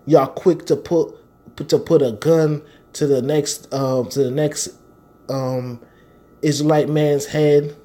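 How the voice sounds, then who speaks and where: Slow and warm, this street-style preacher and Bible teacher speaks in a fairly high voice with fairly even intonation. The American man gives a fervent, informal sermon in a confrontational, slangy way, driving points home by repeating phrases.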